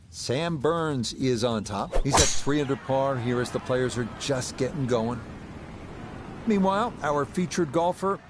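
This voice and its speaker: A man playing a composed lead golf commentator, calling play in measured, brief broadcast observations. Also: mid-range voice, close to an everyday voice. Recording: loud music and crowd behind.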